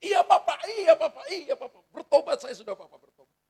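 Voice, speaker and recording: A man's voice: very high-pitched, very animated, a little fast, darkish tone, pitched above the performer's own voice. A man voicing his young son, pleading with his father in a whiny, begging voice.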